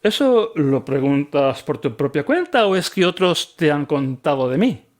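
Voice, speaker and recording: A man voicing a calm prophet in a Bible reading, speaking in a measured, solemn way. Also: on the high side.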